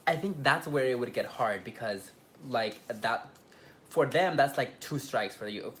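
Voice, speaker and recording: A man co-hosting a casual reflective chat, thinking aloud in halting, repeated phrases. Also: medium pitch, lively intonation. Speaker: drag queen reviewer, co-host. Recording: clear background room noise.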